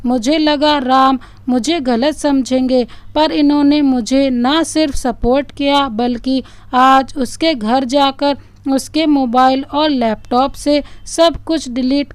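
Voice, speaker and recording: A woman voicing a young sister-in-law who pleads and confesses in a smooth, high voice. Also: no room sound.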